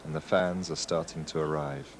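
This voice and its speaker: A man's voice: extremely low pitch, fairly even intonation, normal speed. A man working as a reporter, narrating a documentary and asking interview questions. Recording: clear outdoor traffic noise.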